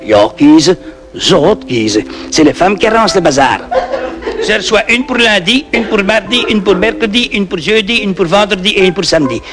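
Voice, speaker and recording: A man's voice: high-pitched, lively intonation, moderate pace. A man playing a boastful Flemish peasant who rambles through a tall tale in broken French with a Flemish accent, dropping in Dutch oaths and endless "hein". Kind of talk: comic monologue in broken French. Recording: old 1960s record with music.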